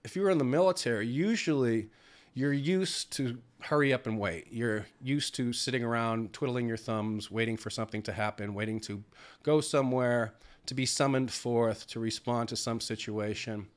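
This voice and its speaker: A middle-aged man talks to his viewers in a loose, rambling way, pausing often on "uh." His voice sits at an ordinary pitch and sounds stuffy and congested from a cold. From United States. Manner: rambling, conversational, frequent "uh" fillers. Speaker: vlogger. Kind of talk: casual vlog chat.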